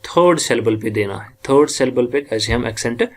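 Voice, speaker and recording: A man's voice: mid-range voice, expressive, normal speed. A man teaching English phonetics, sounding out each syllable and mixing Hindi with English. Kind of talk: lecture, spelling out word sounds slowly.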